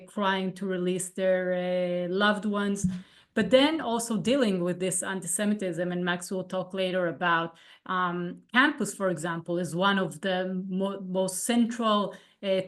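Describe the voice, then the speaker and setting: A woman executive speaking on a panel, measured and pausing often with fillers. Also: mid-range voice. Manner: measured, with frequent hesitations. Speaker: international affairs executive. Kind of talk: panel conversation.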